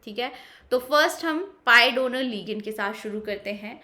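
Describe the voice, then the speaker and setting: Woman chemistry teacher, bright clear tone, slightly high voice, patient explainer, mix. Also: moderate pace. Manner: patient, repeats key points, asks and answers own questions. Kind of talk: explanatory online lecture.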